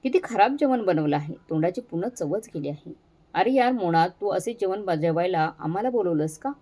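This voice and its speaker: A woman's voice: lowish voice, lively intonation, normal speed, dark tone. Woman voicing sneering rich lady friends. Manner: sneering, dismissive. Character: mocking group of rich women friends.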